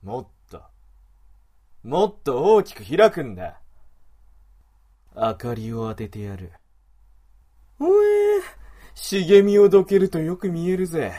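A man voicing a domineering, mocking male wolf creature in an adult audio drama, with rough, commanding speech. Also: a little high, very animated, unhurried, pauses often, dark tone. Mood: leering, commanding.

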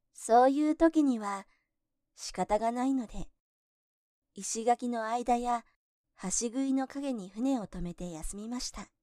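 A woman narrating a folk tale in gentle, measured storybook telling. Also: a little high, dry recording, clean studio sound.

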